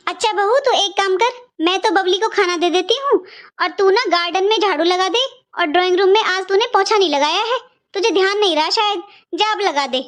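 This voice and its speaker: A woman voicing a bossy, scolding middle-aged mother-in-law in an animated cartoon, speaking harshly and commandingly. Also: extremely high pitch, a little fast.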